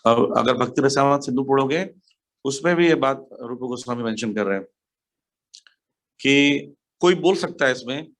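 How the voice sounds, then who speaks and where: Guy teaching scripture over a mic, big cave echo on his voice, middle pitch, keeps asking if you follow. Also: a bit bright. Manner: explaining, checks if listeners follow. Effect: heavy echo, like in a cave. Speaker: devotional speaker. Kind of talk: scripture class, online. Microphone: speaks into a mic for an online class. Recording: echoey room sound.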